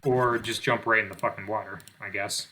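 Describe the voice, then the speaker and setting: A man's voice: on the low side, steady tone, a little fast, pushed and bright, a little hiss or hum. A young man giving casual gameplay commentary, rambling with lots of fillers, swearing and making fun of himself. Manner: rambling, self-deprecating, swears often, many fillers. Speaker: gaming channel host.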